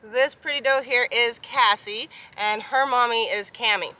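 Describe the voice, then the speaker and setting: A woman's voice: a little high, moderate pace, bright, forceful tone. A woman vlogging casually as a goat farmer, chatty and affectionate when she talks to her animals. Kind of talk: casual vlog narration. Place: outdoors in a goat pasture. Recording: outdoor noise with bleating goats. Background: goats bleating, faint outdoor ambience.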